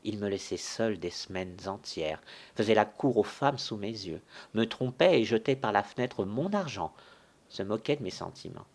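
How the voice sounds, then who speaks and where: A proud, grieving young widow, read by a man in his own voice, speaking low and hushed as she laments, haughty and easily offended. It is part of a solo dramatic reading of a stage farce. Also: expressive, normal speed. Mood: lamenting. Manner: soft, lamenting, turning haughty and indignant.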